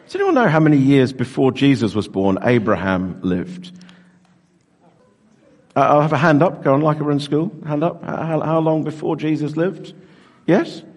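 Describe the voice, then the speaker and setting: A middle-aged man leads an interactive sermon with a lively, animated voice that rises and falls freely. He jokes warmly with the people in front of him and pulls them into the talk. His words ring out through a large church with a long, echoing reverb. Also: a little high, normal speed. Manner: lively, joking, engages the congregation. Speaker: pastor. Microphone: handheld microphone. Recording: echoey church hall reverb.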